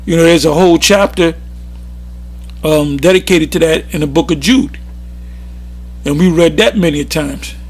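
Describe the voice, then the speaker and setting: A man's voice: on the high side, moderate pace, pauses often, breathy edge. A man giving an informal, rambling sermon, often restarting his sentences. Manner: rambling, with frequent restarts and fillers. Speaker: religious teacher.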